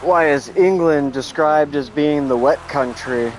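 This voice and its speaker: A man's voice: fairly high pitch, unhurried, a little hiss or hum, rough recording. A man playing a driving game with a friend, chatting casually and telling puns. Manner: punning, dry joking. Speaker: co-player. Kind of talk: casual chat while gaming.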